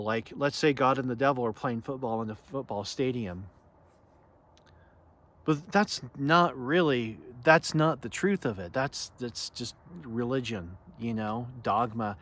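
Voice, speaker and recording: A man's voice: medium pitch, fairly bright tone. A man giving an unscripted spiritual talk as teacher, earnest and reflective, often restarting and searching for words. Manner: halting and searching, frequent restarts and "you know".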